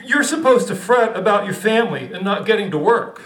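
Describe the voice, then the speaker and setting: A man's voice: high voice, animated, fairly quick, fairly bright tone, reverberant, voice pushed up. A man voicing a stern male author who lectures in an insistent, exasperated way. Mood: bossy.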